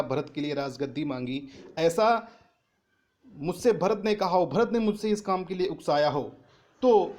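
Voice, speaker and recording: A man teaching a class, reading lines of a poem and then restating each one in simple words, his voice lifting when he stresses a point. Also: darkish tone. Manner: rises in pitch and volume on emphatic paraphrases. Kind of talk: reading and explaining a Hindi poem.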